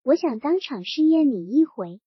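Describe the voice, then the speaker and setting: A woman voicing a drunken, domineering middle-aged male landlord who talks in a gruff, mocking, bossy way, in a storybook reading. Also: high-pitched, big pitch swings, moderate pace, dry recording, highs cut off.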